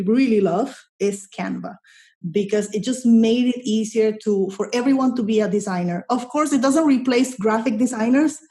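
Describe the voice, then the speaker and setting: In a mellow, mid-range voice, a middle-aged Colombian content strategist talks casually as an interview guest. She is enthusiastic and tends to repeat words as she gropes for her phrasing.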